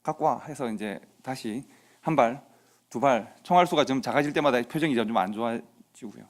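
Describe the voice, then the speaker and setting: Korean pastor telling a story. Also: male voice, medium pitch, fairly quick. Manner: conversational anecdote with quoted dialogue. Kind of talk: sermon storytelling. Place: church sanctuary.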